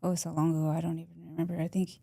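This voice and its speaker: Woman from Texas, interview guest, low flat gravelly voice, soft-spoken plain answers. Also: racing, no room sound. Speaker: podcast guest.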